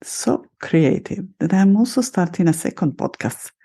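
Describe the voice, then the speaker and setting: A middle-aged woman with an Italian accent speaks in a lowish, mellow voice with a breathy edge, her intonation lively and her pace moderate. She's a podcast host and life coach delivering a solo monologue, addressing her listeners directly in an upbeat, proud, self-celebrating way.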